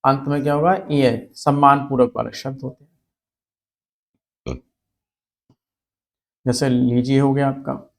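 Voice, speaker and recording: A man teaching a spelling lesson, asking questions and answering them himself, repeating key words slowly. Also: medium pitch, level tone. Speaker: Hindi grammar teacher.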